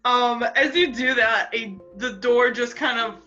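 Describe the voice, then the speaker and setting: Bright, slow-talking woman game master. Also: a little high, highs cut off, faint music behind. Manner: rambling descriptions with many fillers and laughs. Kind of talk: narrating a tabletop game.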